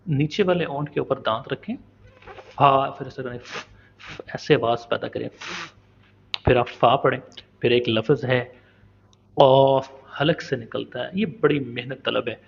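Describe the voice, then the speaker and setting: A man teaches letter sounds at a patient, steady pace. He sounds each letter out slowly and repeats it. The recording is dull and lo-fi. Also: medium pitch, creaky, breathy edge. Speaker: Quran recitation teacher. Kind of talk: step-by-step pronunciation lesson.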